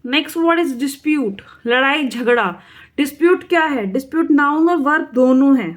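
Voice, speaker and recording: A woman with an Indian accent teaching English vocabulary in a Hindi-language exam-prep lesson, repeating each word several times. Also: high-pitched. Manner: slow, drilling repetition of words.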